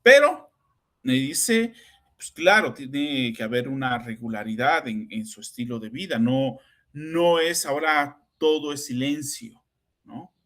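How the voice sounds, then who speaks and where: This podcast host, a middle-aged Mexican psychoanalyst, has a medium-pitched, slightly bright voice that stays animated while moving at a measured pace. In his Mexican Spanish accent he chats through stories, frequently tacking on tag questions.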